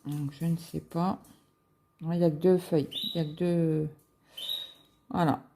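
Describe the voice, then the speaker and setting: A woman chatting casually as a cross-stitch vlogger, musing aloud with halting fillers as she browses shops online. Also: deep voice, flat delivery, gravelly, dark tone, slight background noise. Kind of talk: casual screen-share chat.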